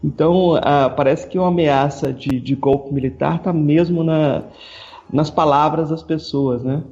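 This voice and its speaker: A man's voice: on the high side, steady tone, unhurried, a little mellow. A man hosting a podcast, asking a guest questions and groping for words, repeating himself before he gets to the point. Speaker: podcast host. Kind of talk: interview questions. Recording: dull, lo-fi audio with faint music.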